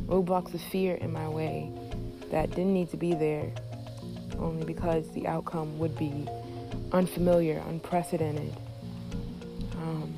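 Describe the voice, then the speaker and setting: A woman giving an intimate, encouraging motivational monologue as a host, in a soft, breathy, deliberate way that sometimes drops toward a whisper. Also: low voice. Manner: affirming, encouraging, slow and deliberate phrasing.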